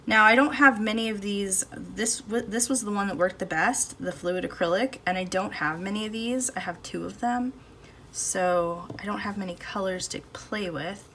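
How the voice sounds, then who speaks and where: Speaking at normal speed in a voice neither high nor low, an art channel host chats relaxedly through a painting session, thinking aloud. Her phone sits above the table in her indoor home studio with no external mic, and a faint hum of cars and a fridge runs under her voice.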